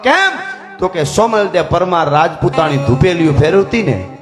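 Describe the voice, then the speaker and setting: Male folk storyteller, Kathiawadi Gujarati accent, high voice, chatty asides; echoey room, music behind. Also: animated, moderate pace. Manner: chatty, humorous asides to the audience.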